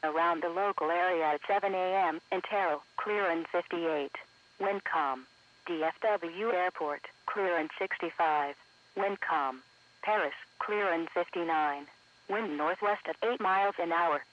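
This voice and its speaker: Speaking a little slowly in a fairly high voice, this man works as a radio announcer delivering scripted weather bulletins in a formal, automated, segmented manner. The muffled, lo-fi weather broadcast was picked up for an online stream.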